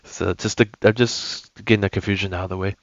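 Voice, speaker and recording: A man's voice: sits low, steady tone, a little fast, dry recording, muffled recording. A young man giving casual, rambling gameplay commentary, often correcting himself as he goes. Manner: rambling, self-correcting, enthusiastic. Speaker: gaming YouTuber.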